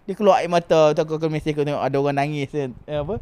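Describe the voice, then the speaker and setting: High-voiced man telling stories. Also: fairly even intonation, rapid-fire, darkish tone, clear, resonant tone. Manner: jokey, laughs through stories. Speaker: podcast guest father. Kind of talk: casual chat.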